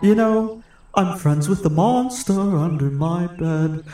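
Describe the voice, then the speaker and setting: Slow higher-voiced man in echoey room. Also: dark tone, distant mic, faint music behind. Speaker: tabletop game player. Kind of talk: casual in-character role-play.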